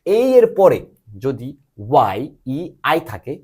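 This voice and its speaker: A man leads a patient one-to-one lesson, his voice rising and falling in a lively, animated way. He keeps checking understanding with short questions and spells words out letter by letter. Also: medium pitch, slow. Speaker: English teacher. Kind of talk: patient spoken lesson, quizzing a student.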